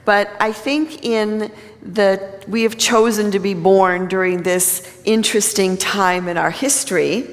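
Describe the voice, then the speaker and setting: A woman's voice: mid-range voice, fairly even intonation, measured pace. A woman minister giving a conversational sermon at a pulpit microphone in a church. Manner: conversational, plain-spoken. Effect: speaking at a pulpit microphone. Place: church sanctuary. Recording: long reverb of a large hall.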